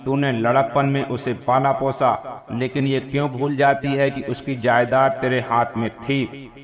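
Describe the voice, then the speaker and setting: A man voicing a village accountant who argues in a measured, reasoning way. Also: mid-range voice, little pitch movement, close to an everyday voice. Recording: dull lo-fi with crowd noise.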